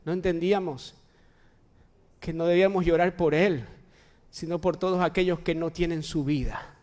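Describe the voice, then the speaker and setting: A high-pitched man preaches a sermon from a church pulpit. He presses his points hard, repeating phrases and firing rhetorical questions at the congregation. His voice rings out with a long, echoing hall reverb. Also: steady tone, moderate pace, a little mellow. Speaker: pastor. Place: church sanctuary.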